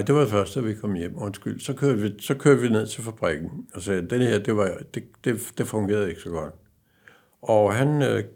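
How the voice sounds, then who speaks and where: Gravelly older man telling stories. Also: lowish voice, darkish tone. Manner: anecdotal, halting with many fillers, acts out quoted dialogue. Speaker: former racing driver. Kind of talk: casual storytelling.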